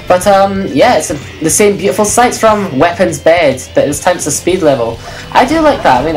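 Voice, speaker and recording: Over faint game music, a woman with a low, darkish voice offers casual let's play commentary, captured on poor audio. She rambles chattily and keeps correcting herself.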